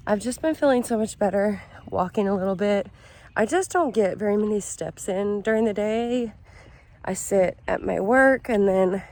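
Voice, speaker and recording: A woman with a slightly raspy voice, chatting casually to camera as a vlogger. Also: mid-range voice, darkish tone. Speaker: vlogger hosting a week-in-my-life video. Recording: clear background noise, ambience.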